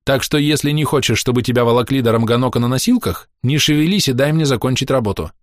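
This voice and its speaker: A man voicing a grumpy, sharp-tongued woman healer who scolds and snaps in a raised voice. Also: mid-range voice, expressive, fast talker, no echo, studio quality, voice pushed up, lightly acted. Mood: angry scolding.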